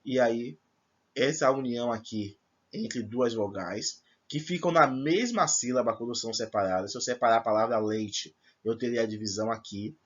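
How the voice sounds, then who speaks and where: A man's voice: medium pitch, moderate pace, breathy edge, lo-fi sound. A man teaching a grammar lesson to first-year students, explaining step by step and checking in with his class. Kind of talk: recorded remote class lesson.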